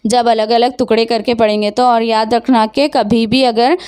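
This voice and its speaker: A woman teaching a basic reading lesson, explaining in casual speech and reciting letters slowly one by one. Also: on the high side, fairly even intonation, a little mellow, smooth, no room sound, studio quality. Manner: slow, drawn-out letter recitation between explanations. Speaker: Urdu teacher. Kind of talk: online language lesson.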